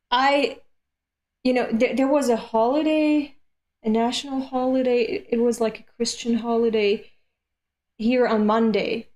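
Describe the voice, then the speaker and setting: A woman in her late twenties talks to her stream viewers in a relaxed, unhurried way. Her voice sits a little high, and she comes across as candid and self-deprecating, swearing casually as she muses. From Europe. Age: late 20s. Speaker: streamer reading comics aloud. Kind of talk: casual live-stream chat.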